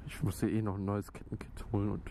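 A man's voice: lowish voice, level tone, quick pace, warm tone. A young man chatting casually and bluntly in slang from inside a helmet while riding a motorbike, as a vlogger. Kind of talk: casual rambling vlog chat while riding. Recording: helmet mic with clear engine and wind noise. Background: motorbike engine and street traffic noise.

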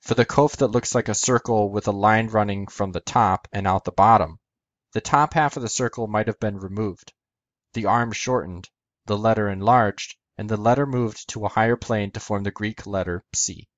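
A man's voice: lowish voice, normal speed, dry recording, muffled recording. A man hosting an educational video, narrating a methodical scripted explanation step by step.

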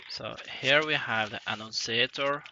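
A man casually narrating an unboxing of simulator parts at his desk, thinking aloud with hesitant pauses. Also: medium pitch. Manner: slow, halting, thinking aloud with frequent pauses. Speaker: hobbyist unboxing flight simulator cockpit parts. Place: indoor workshop room at a desk. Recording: dull lo-fi sound with clear rustling and clicking noise.

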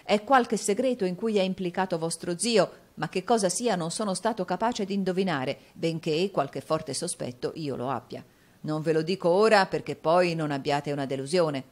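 A woman reading an audiobook, voicing an agitated, cryptic middle-aged male clerk in a loud, urgent way. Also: on the low side, normal speed, close to an everyday voice. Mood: secretive.

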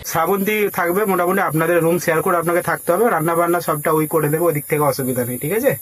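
On a prank call, a man poses as a film casting agent, talking casually and persuasively as he coaxes the listener and gives instructions. His voice is on the high side and fairly bright, and he speaks fast.

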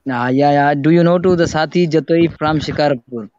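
Casting: man, slightly high smooth voice, dull lo-fi call audio, halting phrasing. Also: darkish tone, no room sound. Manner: halting non-native phrasing. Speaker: student participant. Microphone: video call.

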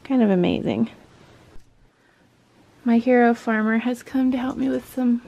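A woman's voice: fairly high pitch, unhurried, gravelly, lo-fi sound. A woman in her thirties vlogging casually, often dropping to a whisper while filming in a barn at night. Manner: soft-spoken, often whispering. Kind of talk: casual vlog narration. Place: wooden barn at night and farmhouse kitchen.

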